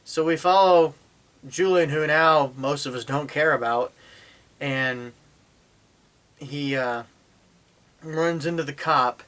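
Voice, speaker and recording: A man's voice: fairly high pitch, slow pace, pauses often, a bit bright. A man giving a casual spoken movie review, retelling the plot in a rambling way, with lots of fillers and sarcastic asides. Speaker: film reviewer.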